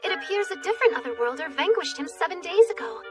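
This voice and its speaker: An actress playing a sweet, innocent young cleric, polite and earnest, in an anime dub. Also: female voice, very high voice, big pitch swings, fast, recorded from a distance, over music.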